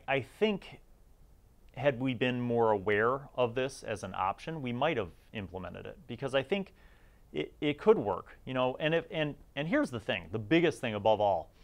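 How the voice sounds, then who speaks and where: A middle-aged man with a mid-range voice hosts a gaming series, giving casual, conversational review commentary. He's chatty and informal, putting emphasis on key words.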